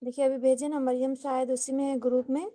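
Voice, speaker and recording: A high-pitched woman leads an online recitation lesson. Her tone is mellow and her delivery is patient, stepping through each rule and asking the class questions. The sound is dry and close, like a video call. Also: flat delivery, a little fast, no echo. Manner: patient, explains step by step with repeated questions. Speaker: Quran recitation teacher.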